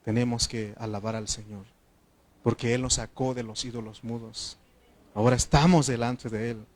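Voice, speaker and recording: Fervent Mexican preacher calling for amens. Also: male voice, mid-range voice, steady tone, normal speed. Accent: Mexican Spanish. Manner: addresses the congregation as brothers, asks yes or no. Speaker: pastor. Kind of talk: sermon.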